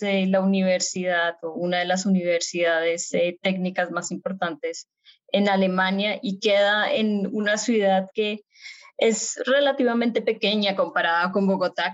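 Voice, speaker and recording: Colombian woman answering in a flat, muffled tone. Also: mid-range voice. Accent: Colombian Spanish. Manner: measured, frequent hesitation fillers. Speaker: guest, aerospace engineer. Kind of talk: interview answers. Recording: muffled lo-fi sound.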